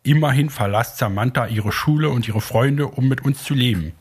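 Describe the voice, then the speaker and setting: A man's voice: medium pitch, moderate pace, breathy edge, close to an everyday voice. A man voicing a stern, worried father in a read-aloud children's story.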